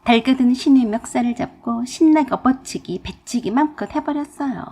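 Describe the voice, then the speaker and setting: A young adult woman narrating a dramatized story in an expressive, emphatic storytelling manner. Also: high-pitched, a little fast, slightly rough.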